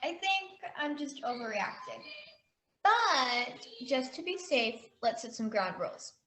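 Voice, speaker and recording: A woman's voice: sits high, very animated, measured pace, pushed and bright, slight background noise, full character voice, rough recording. An actress playing an anxious young woman in a comedy sketch, fretting and laying down rules. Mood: bossy. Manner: nervous, fretful, over-explaining. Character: anxious young woman introducing her boyfriend. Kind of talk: amateur comedy sketch acting.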